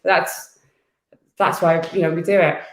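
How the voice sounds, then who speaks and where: A woman with a lowish voice speaks as an activist guest, fervent and blunt, doubling words as she drives each point home. Her voice rings in an echoey room. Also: fairly even intonation, measured pace. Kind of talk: impassioned interview talk.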